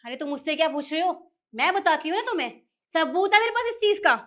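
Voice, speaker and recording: Woman voicing a scheming wife, scolding, accusing, very high pitch. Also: lively intonation, quick pace, fairly bright tone. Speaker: lady of the house.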